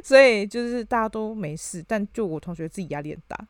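A woman, co-hosting a podcast and retelling a story in a casual, animated way with plenty of fillers. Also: mid-range voice, fast talker, clean tone, no room sound. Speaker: podcast co-host.

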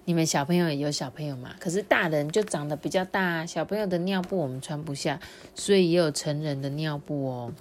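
A mother gently reading a picture book to her child in a sing-song storytelling way, then asking the child questions. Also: deep voice, fairly quick, hardly any pauses, slight background noise.

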